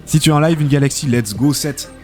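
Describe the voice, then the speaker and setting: A man's voice: fairly high pitch, brisk, darkish tone, soft background music. Chatty male game streamer. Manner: chatty, thanks viewers often, many fillers and "hein". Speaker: streamer hosting a tournament. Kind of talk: live-stream game commentary and chat reading.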